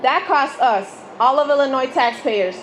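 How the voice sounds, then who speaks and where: A woman's voice: high voice, measured pace. A woman worker giving an emphatic, declarative protest speech at a rally. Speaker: striking fast-food worker. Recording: echoey, noisy rally PA.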